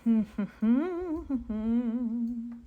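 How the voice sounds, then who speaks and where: Young gal streaming, chatty and giggly, just hanging out with chat. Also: female voice, fairly high pitch, expressive, extremely slow, phone-quality sound. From United States. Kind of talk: casual live-stream chat.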